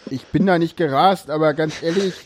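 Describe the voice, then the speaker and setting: Man, fairly high voice, rambling podcast host, lots of fillers and restarts. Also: a little fast. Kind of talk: casual group chat.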